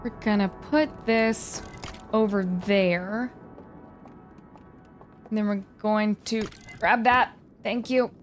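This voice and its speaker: A woman hosting a let's-play, thinking aloud with curiosity as she narrates her moves, sometimes dropping to a hush. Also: medium pitch, fairly even intonation, takes it slowly, pauses often. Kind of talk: casual gameplay commentary. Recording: faint game music behind.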